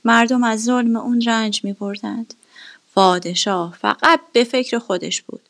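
Woman, storybook narration, gentle, slips into whispers, fairly high voice. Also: fairly even intonation.

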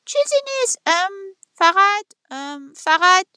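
A woman doing a sharp, clever rooster. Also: big pitch swings, no room sound, studio quality, full character voice. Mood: clever wary. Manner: high, bright, quick retorts. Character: clever wary rooster, bright and quick.

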